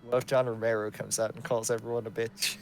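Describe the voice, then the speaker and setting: A man's voice: mid-range voice, gravelly, a little hiss or hum. A man co-hosting a live stream, chatting casually with dry, brief jokes. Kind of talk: casual chat while watching a live stream.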